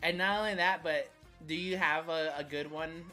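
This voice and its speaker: A man chatting casually on a game stream, easygoing and quick to laugh. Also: a little high, fairly even intonation, pushed and bright, soft background music.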